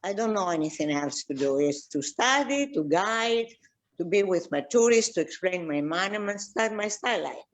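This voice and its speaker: An older woman from Egypt, a tour guide and archaeologist, chatting casually and slowly with many fillers and restarts. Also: mid-range voice, lively intonation. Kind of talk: casual video-call chat.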